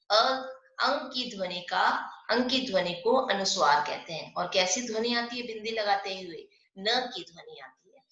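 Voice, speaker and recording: A woman teaching an online Hindi class to young pupils. She explains step by step, asks questions and answers them herself, and slows down to stress the sounds of example words. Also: medium pitch, sharp tone. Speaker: primary school Hindi teacher. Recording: echoey, dull lo-fi room sound.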